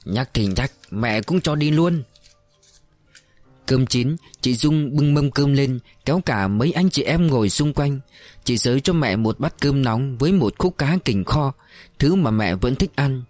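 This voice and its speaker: A man reads a novel aloud in a steady, measured storytelling voice. The recording is dry and close, with faint music underneath. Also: mid-range voice, dry recording. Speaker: narrator. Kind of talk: audiobook narration.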